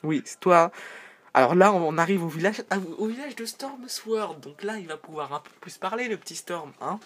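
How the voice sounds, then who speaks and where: A man's voice: sits high, lively intonation, moderate pace, slight background noise. A man giving casual, joking commentary over a video game, rambling into side remarks. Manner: chatty, joking, rambling asides.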